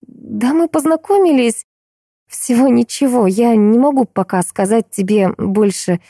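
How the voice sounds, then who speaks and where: A woman voicing a calm, gently teasing seventeen-year-old girl. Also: on the high side, measured pace, dry recording, clean studio sound, pitched above the performer's own voice. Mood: subdued. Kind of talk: audiobook character voice.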